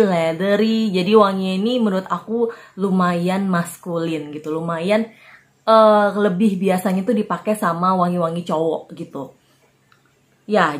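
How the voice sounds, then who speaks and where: Chatty young woman reviewing perfume. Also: on the low side. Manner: chatty, informal, many fillers. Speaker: perfume reviewer, channel host. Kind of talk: casual review vlog.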